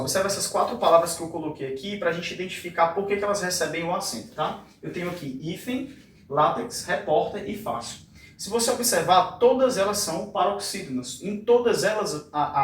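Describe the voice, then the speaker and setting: A man teaching Portuguese grammar at a whiteboard, pausing often to check with "tá?" and stretching words out syllable by syllable. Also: on the high side. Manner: frequent tag questions like "tá?" and "fechado?"; drawn-out syllable-by-syllable pronunciation. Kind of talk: whiteboard lesson explanation. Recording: echoey room, voice a bit distant from the mic.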